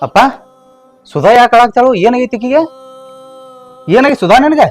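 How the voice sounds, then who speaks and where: A man's voice: very high voice, lively intonation, moderate pace, soft background music. An actor with a North Karnataka Kannada accent, playing a blunt young husband who questions his wife brusquely. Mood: concerned questioning. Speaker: actor in a village comedy film.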